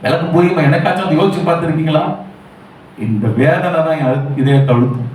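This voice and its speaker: A man's voice: a little high, fast talker, darkish tone, far from the mic. A male pastor preaching a Sunday sermon in Tamil with a Tamil Nadu accent, urging his listeners with repeated questions. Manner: repeats rhetorical questions, urgent and pleading. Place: church hall. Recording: echoey church hall from afar with faint hum.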